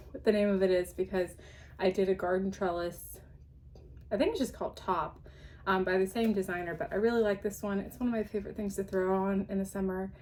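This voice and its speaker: A woman's voice: medium pitch, darkish tone. A woman hosting her podcast in a casual show-and-tell chat, rambling along with frequent ums and light laughs, slightly out of breath. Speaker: podcast host.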